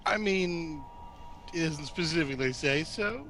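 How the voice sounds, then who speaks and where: A man playing a tabletop game, talking in a low-key, tentative way. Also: unhurried, fairly bright tone. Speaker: player. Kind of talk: casual tabletop play. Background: background music.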